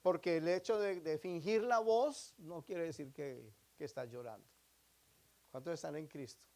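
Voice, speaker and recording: Male pastor, high voice, sermon delivery with rhetorical questions and sharp volume swings. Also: moderate pace. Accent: Latin American Spanish. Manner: preaching with rhetorical questions to the congregation; swings between emphatic loud phrases and quiet drops.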